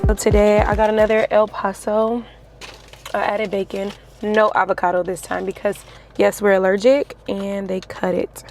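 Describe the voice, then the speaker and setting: A woman's voice: mid-range voice, flat delivery, moderate pace, darkish tone, faint music behind. A young woman vlogger chatting casually and slangily, laughing often as she talks. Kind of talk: casual vlog chat. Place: in a car.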